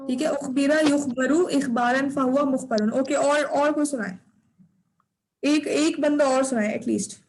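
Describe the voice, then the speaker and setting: A woman's voice: sits high, a little slow, a little mellow, slight background noise, poor audio. A woman teaching an online class, patiently drilling recitation and repeating her corrections over a video call.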